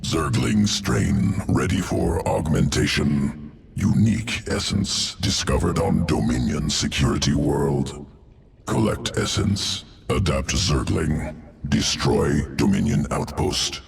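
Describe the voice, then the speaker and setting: Gravelly, extremely deep alien geneticist. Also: male voice, slow, a little hiss or hum, full character voice. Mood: clinical, detached. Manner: clipped telegraphic phrasing, deadpan and clinical. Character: cold, calculating alien geneticist creature serving a swarm. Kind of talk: scripted video game character dialogue. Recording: music behind the voice.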